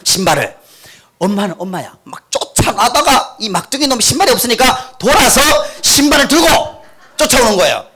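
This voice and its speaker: A man's voice: very high-pitched, fairly quick, background noise. A middle-aged man from Korea's North Gyeongsang region giving a humorous church testimony, acting out quotes and having the crowd repeat after him. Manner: animated, acts out quotes, leads crowd in repeating. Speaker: guest speaker giving testimony. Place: church hall with audience. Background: audience laughter.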